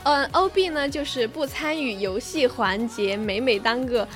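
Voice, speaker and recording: A woman's voice: fairly high pitch, moderate pace, fairly bright tone. A woman co-hosting a casual podcast chat, playful and giggly. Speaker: podcast co-host. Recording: music playing behind.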